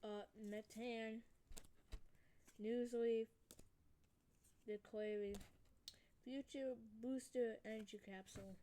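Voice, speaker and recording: A woman hosts a casual card-opening vlog, speaking slowly and haltingly. She fills gaps with frequent ums as she reads out names one by one. Faint clicks sit in the background. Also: a little high, fairly even intonation, background noise. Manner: hesitant, halting, many ums while reading card names. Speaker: channel host.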